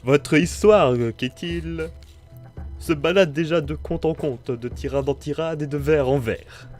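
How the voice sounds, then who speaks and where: A man's voice: fairly high pitch, unhurried, a little mellow, soft background music, pitched above the performer's own voice, close to an everyday voice. A man playing a courteous, admiring young bard lord with theatrical, flowery speech in a tabletop game.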